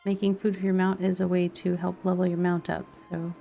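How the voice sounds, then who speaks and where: This woman streams a game, musing and thinking out loud in casual live commentary. She speaks briskly in a fairly low, level, gravelly, mellow voice. Game sound and background music run underneath.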